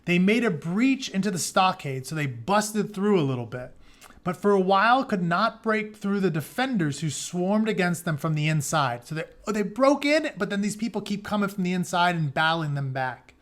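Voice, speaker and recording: Reading an epic story to a class, a teacher alternates dramatic delivery with informal, plain-spoken explanations. He speaks in a high-pitched, expressive, fairly bright voice at a moderate pace.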